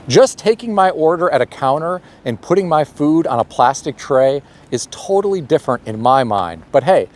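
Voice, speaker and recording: A middle-aged man hosting a personal finance channel, reading scripted commentary in a measured, opinionated way with touches of sarcasm. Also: mid-range voice, a little mellow. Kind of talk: scripted commentary read aloud.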